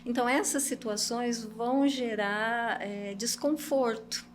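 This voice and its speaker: An older woman, a psychologist guest explaining things calmly in a podcast and often ending points with a questioning tag. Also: a little high, takes it slowly, slight background noise. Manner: calm, advising, ends points with "não é?".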